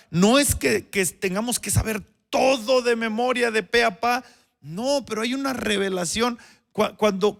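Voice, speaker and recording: A man preaching as a pastor, his voice pitched high for a man. It carries a gravelly rasp. He swings from loud, emphatic phrases down to low, quiet ones, repeats himself for effect and keeps asking his listeners questions. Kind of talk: sermon.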